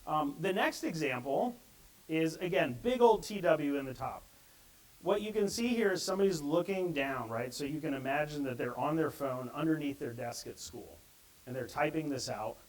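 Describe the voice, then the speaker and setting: A man's voice: on the high side, expressive, normal speed, poor audio. A middle-aged man giving a conversational conference talk and acting out the quotes he reads. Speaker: conference speaker.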